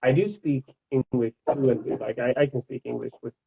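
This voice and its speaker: A young man with a Swedish accent talks as a guest, speaking English as a second language. He is thoughtful and pauses to find his words, laughing easily, in a mid-pitched voice. His audio is narrow and tinny, like a phone line. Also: fairly even intonation, creaky, husky. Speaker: music producer, guest. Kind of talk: casual livestream chat.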